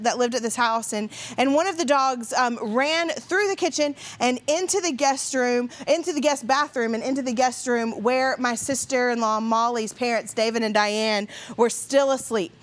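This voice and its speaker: A middle-aged woman pastor preaching in a conversational storytelling way, with many fillers. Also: sits high. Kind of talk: sermon.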